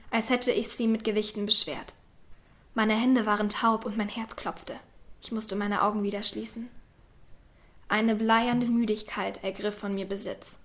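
Subdued woman reading a story. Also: a little high. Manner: quiet, subdued, sometimes whispering. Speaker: narrator. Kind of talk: first-person story reading.

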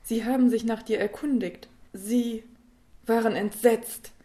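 A woman's voice: a little high, fairly even intonation, a little slow, warm tone, natural voice. A woman voicing a tearful, relieved mother at a hospital bed, speaking shakily and dropping into whispers. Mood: tearful relief. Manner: shaky, emotional, breaking into whispers.

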